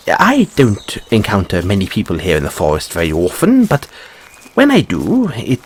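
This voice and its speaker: A man's voice: on the low side, wildly swooping pitch, a little slow, slight background noise, rough recording. A man playing an anxious, polite, whimsical rabbit boy in a fantasy audio roleplay, with stammered, courteous, old-fashioned phrasing. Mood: polite, curious. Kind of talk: theatrical fantasy audio roleplay addressed to listener.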